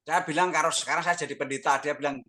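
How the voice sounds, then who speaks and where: A man's voice: fairly high pitch, fairly even intonation, racing, pushed and bright. An older man, earnestly telling his personal testimony with lots of quoted dialogue. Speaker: testimony guest.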